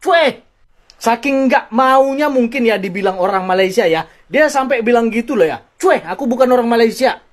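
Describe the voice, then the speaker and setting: A woman's voice: on the high side, expressive, normal speed. A woman giving casual football commentary in a gossipy, mocking way, acting out quotes as she goes.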